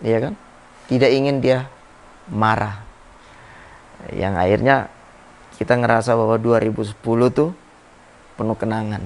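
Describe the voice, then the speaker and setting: A man's voice: on the low side, fairly even intonation, slight background noise. A man in his thirties, a former football captain, reflectively telling stories as an interview guest. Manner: reflective, halting with restarts. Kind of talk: casual interview storytelling.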